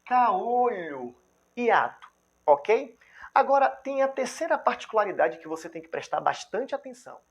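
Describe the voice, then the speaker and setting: A man with a Brazilian accent teaching a grammar lesson, who keeps checking in with the viewer and sounds out example words syllable by syllable. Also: sits high. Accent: Brazilian Portuguese. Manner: lively, checks in with the viewer constantly; spells out examples slowly, syllable by syllable.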